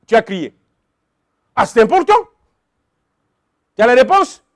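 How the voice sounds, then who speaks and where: Emphatic and repetitive, a man preaches a sermon, calling out to his congregation and repeating phrases. His voice is very high and very animated, though his pace stays measured, and the studio-quality recording has no echo.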